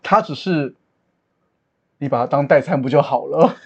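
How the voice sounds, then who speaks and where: A man co-hosting a casual podcast chat, teasing his friend in quick banter. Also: a little high, creaky, darkish tone, slightly rough, lo-fi sound.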